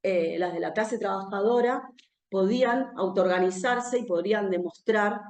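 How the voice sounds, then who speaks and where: A woman with an Argentine accent speaks at mid pitch at a talk in front of an audience. She keeps a conversational tone and often tags her phrases with a questioning "no?". The roomy echo of the hall surrounds her voice. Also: moderate pace, darkish tone. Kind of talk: live public talk. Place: room where a talk is held, with an audience.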